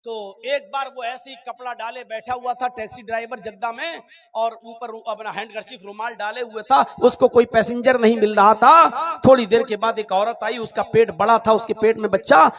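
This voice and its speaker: A man preaching who tells a humorous story in an animated, dramatic way. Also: very high-pitched, normal speed, crowd noise. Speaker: Islamic preacher.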